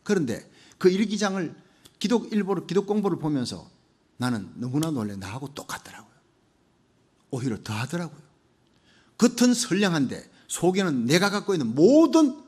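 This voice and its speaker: A male pastor delivers a Sunday sermon with fervent conviction, building rhythmic lists of repeated phrases. His voice sits high and moves expressively, swooping from loud proclamations down to quiet, low-spoken asides. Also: husky. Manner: fervent preaching, swinging from loud declarations to hushed low asides.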